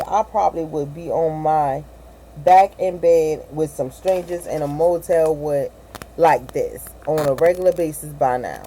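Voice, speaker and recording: A woman reads a novel aloud in a low, mellow voice, often tripping over words and going back to fix them. A faint hiss sits under the recording. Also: low-quality recording. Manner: stumbling, self-correcting, with asides and laughs. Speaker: reader of a novel. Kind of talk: amateur audiobook reading.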